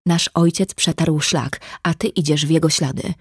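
A woman reading the lines of a sly, mocking young man who speaks softly and deceptively gently, in an audiobook. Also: low voice, fairly even intonation, moderate pace, husky, no echo, studio quality.

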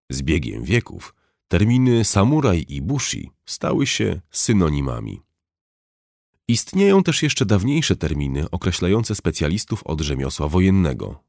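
Deep-voiced man narrating with lively intonation. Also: vocal fry, no echo, clean studio sound. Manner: measured reading, slows to spell out foreign terms. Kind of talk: scripted nonfiction narration.

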